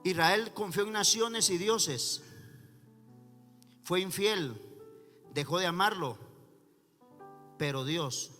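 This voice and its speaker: A man's voice: high voice, takes it slowly, pauses often, pushed and bright. A man preaching a sermon as pastor, emphatic, calling church members by name. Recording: reverberant hall with faint music.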